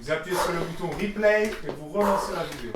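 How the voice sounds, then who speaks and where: A woman's voice: on the low side, fast talker, far from the mic. A woman acts as a workout partner, playfully egging people on with short repeated urgings and casual banter. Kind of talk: casual banter and shouted encouragement during exercise. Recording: echoey noisy room, away from mic.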